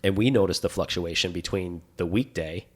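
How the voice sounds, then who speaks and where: A man's voice: low-pitched, brisk, husky. A man co-hosting a podcast, talking in an enthusiastic, rambling way. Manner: enthusiastic, rambling, animated storytelling. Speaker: podcast co-host. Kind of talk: casual chat.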